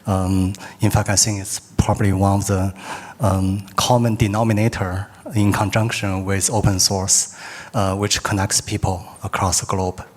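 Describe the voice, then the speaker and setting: A man from China introducing himself on a panel in relaxed, casual English with many fillers. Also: sits low, normal speed.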